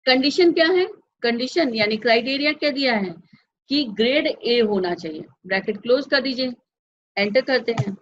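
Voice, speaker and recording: Woman teaching a software class. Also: fairly high pitch, animated, normal speed, lo-fi sound, slight background noise. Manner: patient, repeats each step, asks the class if they follow. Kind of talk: step-by-step software lesson.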